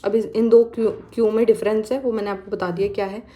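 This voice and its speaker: A woman's voice: mid-range voice, level tone, fast talker, dark tone, soft background music. A young woman vlogger giving casual exam study advice, chatty and mixing English phrases into her talk.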